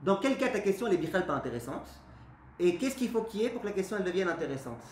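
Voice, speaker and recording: An animated man teaches a live class as a rabbi, firing questions at his listeners and answering them himself. His voice sits a little high. The room is echoey, with a faint hiss underneath. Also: very fast. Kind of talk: lively spoken Torah lesson.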